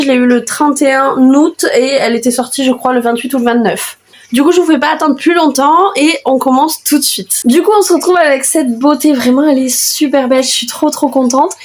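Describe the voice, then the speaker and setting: A woman with a high, light voice talks through a doll review with eager enthusiasm. She chats casually, with frequent small hesitations between thoughts.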